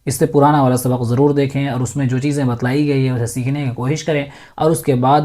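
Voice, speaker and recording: A man teaching Quran reading, slowly spelling out letters syllable by syllable and then joining them. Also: mid-range voice, steady tone, a little mellow. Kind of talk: step-by-step reading lesson.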